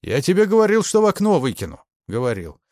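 A man's voice: mid-range voice, sing-song, normal speed, dry recording, studio quality, voice pushed up. A man voicing a crude, threatening secret-police major who mocks and bullies. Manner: coarse, mocking, threatening.

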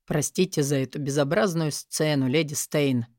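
A woman voicing a meek young lord who speaks softly and hesitantly. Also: low voice, moderate pace, no echo, studio quality, voice pushed down, lightly acted. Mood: pleading. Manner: soft, hesitant.

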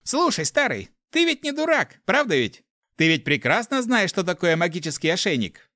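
A man's voice: high-pitched, very animated, normal speed, bright, forceful tone, dry recording, studio quality, voice pushed up, exaggerated voice. A man voicing a cheeky young male thief in an audiobook, taunting him in a sing-song way. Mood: coaxing. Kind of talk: audiobook character voice.

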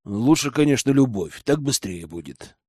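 A man's voice: mid-range voice, lively intonation, moderate pace, dark tone, slightly rough, no echo, clean studio sound. A man voicing a whiny, indignant young female witch student in an audiobook. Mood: smug. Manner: whiny, pleading.

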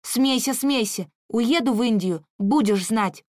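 A woman voicing the narrator's sister, a quick-tempered, stubborn girl who cools off fast. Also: fairly high pitch, no echo, clean studio sound, voice pushed up, close to an everyday voice. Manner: hot-headed, stubborn, soon calms down.

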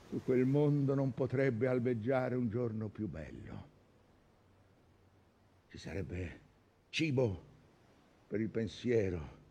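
An older actor playing a weary, obsessed old whaling captain, brooding and defiant, in a declamatory theatrical stage monologue. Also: male voice, medium pitch, pushed and bright, husky, full character voice. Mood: subdued, brooding. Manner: declamatory, anguished, swinging from murmurs to cries.

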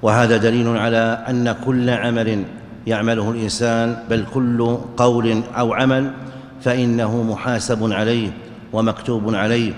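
A man teaches a religious lesson in a calm, measured voice, explaining each text step by step and breaking into a chanted tone when he quotes verses. His pitch stays flat and even throughout. The sound rings in a large hall with a long, echoing tail. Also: slight background noise. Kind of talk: explaining hadith in a lecture. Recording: echoey hall with long reverb.

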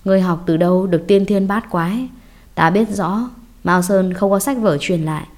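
Woman voicing a weary, mellow old Taoist master. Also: mid-range voice, natural voice. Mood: probing. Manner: tired, sighing, slow to explain. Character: weary elderly male Taoist master, grudging and unhurried.

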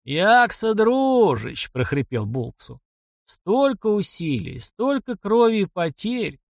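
A man voicing a cruel, vengeful old nomad chieftain who speaks in slow, growling commands. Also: sits high, sing-song, vocal fry, a little mellow, no room sound, clean studio sound, voice pushed up, heavily acted. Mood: cold menace.

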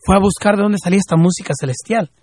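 Fervent Mexican man, husky voice. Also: high-pitched, steady tone, a little mellow, no echo. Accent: Mexican Spanish, from Jalisco. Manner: fervent, rising to emphatic questions, then slow and drawn out. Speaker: radio host.

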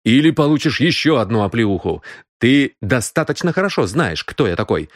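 A stern, dry detective giving curt orders, read by a male narrator in his own voice. The delivery is close and dry, with lively pitch. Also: normal speed, no room sound.

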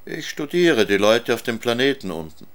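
A man reading a storybook aloud, voicing a calm, unhurried old man. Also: mid-range voice, voice pushed up.

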